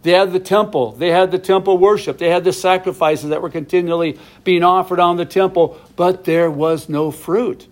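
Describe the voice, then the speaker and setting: A man's voice: high-pitched, steady tone, normal speed, hardly any pauses. A middle-aged man teaching a verse-by-verse Bible study, explaining each passage plainly with asides to his viewers.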